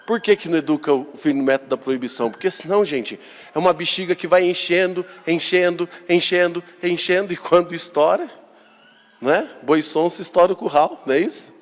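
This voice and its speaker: Padre brasileiro pregando numa igreja ecoante. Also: male voice, fairly high pitch, brisk. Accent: Brazilian Portuguese. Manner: lively preaching, acting out quoted pleas and rising to cries. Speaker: priest. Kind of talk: sermon. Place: large church. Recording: long reverb of a large church.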